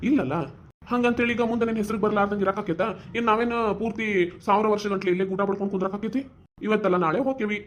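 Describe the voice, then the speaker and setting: In a family cartoon, a voice actor plays a soft-hearted older village father, speaking North Karnataka Kannada rapidly, affectionately, and reassuringly. His voice is natural and medium in pitch.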